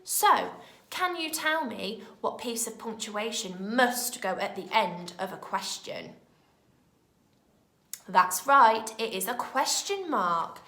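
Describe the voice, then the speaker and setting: A British woman teaches young children, speaking slowly and clearly with a very lively, sing-song pitch. Her voice is bright and carries a roomy echo. She talks like a patient classroom teacher. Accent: British English. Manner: slow, clear and expressive, speaking to small children. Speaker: primary school teacher. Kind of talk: recorded remote lesson for young children.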